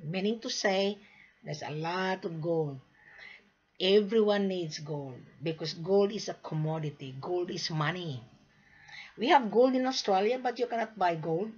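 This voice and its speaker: In a lo-fi recording, a woman from the Philippines sells gold to traders in a direct-to-camera talk, lecturing emphatically and restating her points. Her low-leaning voice is darkish, slightly rough, and a little slow.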